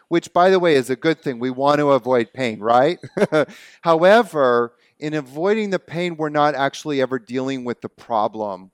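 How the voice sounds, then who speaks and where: A man's voice: medium pitch, clear, resonant tone, dry recording. Canadian male webinar host, easygoing and chatty; clean, resonant voice with a dry close mic. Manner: relaxed, chatty, laughs easily. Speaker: webinar host and movement teacher. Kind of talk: casual online webinar talk. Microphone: video call.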